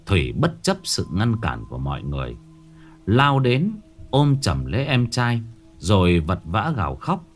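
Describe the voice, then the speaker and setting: A man's voice: fairly low pitch, big pitch swings, normal speed, faint music behind. A man narrating a ghost story in a dramatic storytelling manner.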